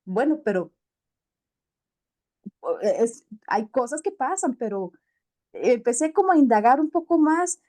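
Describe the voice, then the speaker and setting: A woman's voice: a little high, sing-song, a little slow, long pauses, darkish tone. A woman co-hosting a talk show, telling stories in a chatty, self-deprecating way and laughing often.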